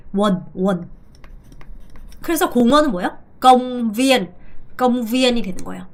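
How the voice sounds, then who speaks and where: A middle-aged woman teaching a language in a video lesson, repeating phrases slowly for drilling with playful asides, a native Korean speaker. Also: on the high side.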